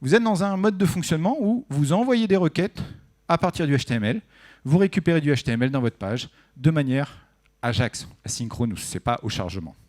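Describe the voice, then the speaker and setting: A man gives a talk at a developer conference, chatting with the room and asking it questions. His voice sits a little high and swings widely in pitch. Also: a little fast. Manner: lively, conversational, asks the audience questions. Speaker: conference speaker.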